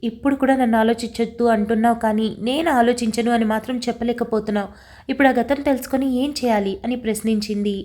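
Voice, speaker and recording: A woman's voice: fairly high pitch, fairly even intonation, fast, darkish tone, lightly acted. A woman voicing an anxious young woman in love, pleading through tears in a storybook reading. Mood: upset. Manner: pleading, tearful.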